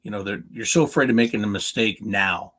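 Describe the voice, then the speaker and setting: As a guest analyst, this North American hockey play-by-play announcer breaks down the game unscripted and emphatically, frequently raising questions and answering them on his own. He has a fairly low, fairly bright voice and talks a little fast.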